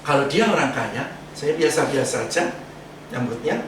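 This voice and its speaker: In a church sanctuary captured by a distant mic, echoes and background noise accompany a pastor's expressive, medium-pitched voice at normal speed. He preaches conversationally, slipping into slang and acting out the voices of those he quotes.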